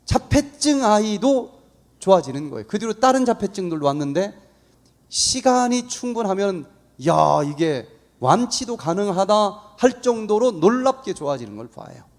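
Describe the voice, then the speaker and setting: A man giving a lively, story-filled talk at a church, acting out the voices of the people in his story. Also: sits high, normal speed. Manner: animated storytelling, acts out quoted voices. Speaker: guest speaker. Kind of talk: church lecture.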